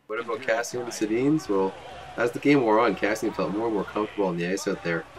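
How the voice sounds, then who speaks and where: A young man giving joking, wry play-by-play voice-over of game highlights. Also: fast. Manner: wry, joking, self-mocking. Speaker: highlights commentator.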